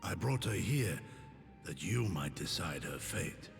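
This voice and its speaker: An actor playing a huge, gentle old warrior retainer who speaks formally and solemnly in a video game. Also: male voice, deep voice, big pitch swings, creaky, full character voice. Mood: grave, uncertain. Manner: formal, archaic, measured speech. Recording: long cavernous reverb, faint music.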